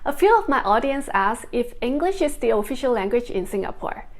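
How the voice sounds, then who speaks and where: A woman's voice: fairly high pitch, sing-song, fairly quick. A woman hosting a scripted pronunciation explainer, speaking directly to viewers. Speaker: video host teaching pronunciation.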